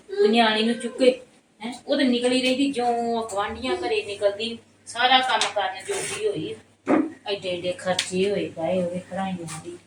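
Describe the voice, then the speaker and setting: A woman playing a sharp-tongued, complaining stepmother in a Punjabi family skit, arguing and grumbling. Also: mid-range voice. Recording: roomy echo, distant mic, noisy background.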